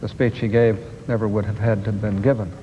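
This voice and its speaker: A man giving an earnest, deliberate floor speech as a senator in a large chamber, heard from a worn tape copy. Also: lowish voice, little pitch movement, in a large hall, lo-fi sound, a little hiss or hum. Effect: worn VHS tape copy.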